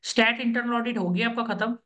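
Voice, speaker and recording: A man's voice: very high voice, fairly even intonation, brisk, sharp tone. Directive male coach on a video call. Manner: directive, keeps checking understanding. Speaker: interview coach.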